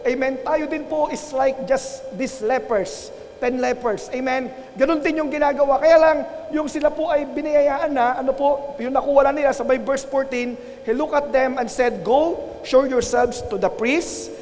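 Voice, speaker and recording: A man's voice: very high voice, fairly even intonation, moderate pace, a little mellow, slight background noise. A man with a Filipino accent preaching a sermon as pastor, switching between languages and often calling on the congregation for an amen. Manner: call-and-response preaching, repeatedly asking for an amen. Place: church. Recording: echoey church with long reverb.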